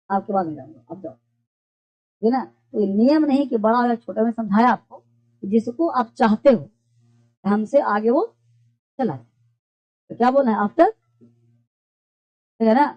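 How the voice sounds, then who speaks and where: A woman's voice: a little high, darkish tone. A woman teaching a basic English class, explaining phrases patiently and quizzing her students with repeated questions. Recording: dull lo-fi classroom recording.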